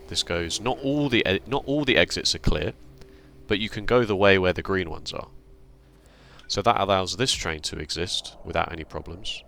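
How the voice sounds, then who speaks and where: Deep-voiced man giving dry game commentary. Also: pushed and bright, slight background noise. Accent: British. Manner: dry, self-deprecating, explains step by step. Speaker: gaming channel host. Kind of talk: casual gameplay commentary. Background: faint background music.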